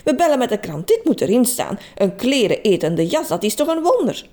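A woman voicing a stern, excitable husband in a storybook who blusters in exclamations. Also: on the high side, fairly quick.

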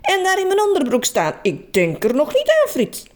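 Woman voicing a shrill, excitable lady. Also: very fast, full character voice. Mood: indignant. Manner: high, exclaiming, breathless delight. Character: excitable woman, proud of her new dress.

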